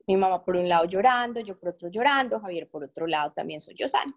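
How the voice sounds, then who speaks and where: Woman, thirties, earnest testimony to a live audience, mid-pitched everyday voice. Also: lively intonation, quick pace. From Colombia. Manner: emotional, earnest storytelling addressed to an audience. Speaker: speaker giving a testimony. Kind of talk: personal faith testimony.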